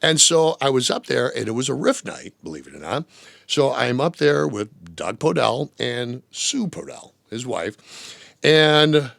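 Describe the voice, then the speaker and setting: A man, a former radio DJ, telling stories in an interview, animated and laughing often, putting on voices for the people in his anecdotes. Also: mid-range voice, a little slow, gravelly, dry recording, clean studio sound. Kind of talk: storytelling interview. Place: radio studio.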